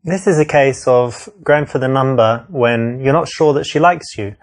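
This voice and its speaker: A man's voice: mid-range voice, normal speed. A man from England with a London accent, a dating coach chatting breezily and then explaining his approach, with plenty of "you know" fillers. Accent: London English. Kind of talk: demonstration chat with coaching asides to camera.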